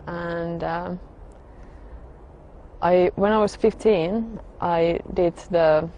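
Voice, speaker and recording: A woman, sharing her personal testimony in a halting, reflective way full of pauses and fillers. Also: fairly low pitch, fairly even intonation, dark tone, highs cut off, a little hiss or hum. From Finland. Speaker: religious convert sharing her story.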